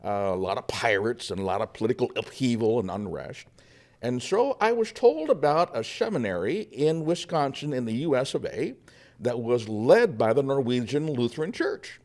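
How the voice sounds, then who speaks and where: A man portraying a humble old-time Norwegian pioneer preacher, chatting in a folksy, storytelling way. The voice has a gravelly edge and swings lively up and down in pitch. It sounds like a podcast guest in character. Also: normal speed. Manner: folksy storytelling with frequent uh fillers and chuckles. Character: 1800s Norwegian immigrant pioneer pastor, humble and cheerful. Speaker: guest, historical reenactor. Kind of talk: first-person historical character portrayal.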